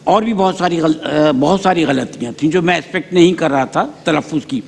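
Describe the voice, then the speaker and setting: A man's voice: fairly high pitch, a little fast, creaky, breathy edge. A man judging a speech contest on a studio panel, correcting each pronunciation slip one by one. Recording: reverberant studio hall.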